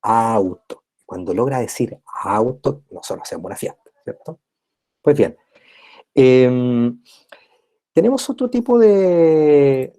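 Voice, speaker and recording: A man with a mellow, mid-range voice delivers a recorded university lecture. He works through the material step by step, keeps asking tag questions to check on listeners, and repeats and rephrases his points.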